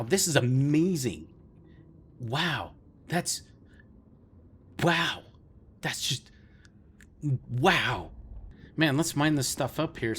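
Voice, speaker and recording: A man hosting a let's play, chatting casually to viewers about his game and getting easily excited. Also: mid-range voice, a little hiss or hum. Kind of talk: casual gameplay commentary.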